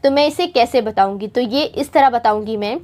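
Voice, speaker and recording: A woman from India with a high voice teaches a spoken English lesson. She is patient and repeats her points for students. She draws out her English example phrases slowly and carefully. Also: a little mellow.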